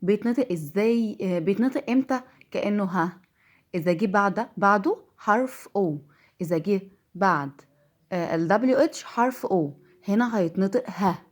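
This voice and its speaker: Egyptian-accented female English teacher, patient and repetitive, mid-pitched voice. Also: animated. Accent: Egyptian Arabic. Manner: patient, repeats words slowly to drill them. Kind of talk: classroom-style lesson.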